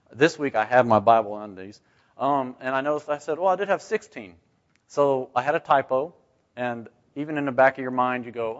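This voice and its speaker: The recording is muffled, dull and lo-fi, with a man teaching scripture to a group in a mid-range, slightly bright voice. As Bible study leader he keeps things conversational, often asking his listeners rhetorical questions and "right?"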